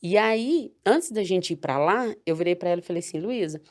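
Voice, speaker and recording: A woman in her thirties from Brazil, speaking in a somewhat low voice. She talks softly and reflectively and often restarts her sentences, as in a casual podcast chat. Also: lively intonation, fairly quick. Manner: soft, reflective storytelling with frequent restarts.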